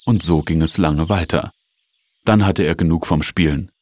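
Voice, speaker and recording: A man narrating a children's story in a slow, measured storytelling manner. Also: low voice, a little mellow, no echo.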